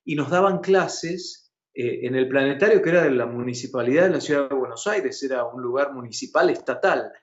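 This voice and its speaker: Speaking Argentine-accented Spanish, this news host from Argentina leads a live chat with lots of emphasis, animatedly quizzing his co-host. His mid-range voice moves a little fast, and the broadcast audio is muffled and reverberant.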